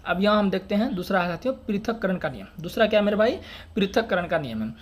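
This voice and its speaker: A man's voice: sits high, animated, fast. Male teacher drilling with self-answered questions. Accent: Hindi dialect words (बड़का, छोटका). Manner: rhetorical questions answered himself, repeating key terms. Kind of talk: exam-prep science lesson.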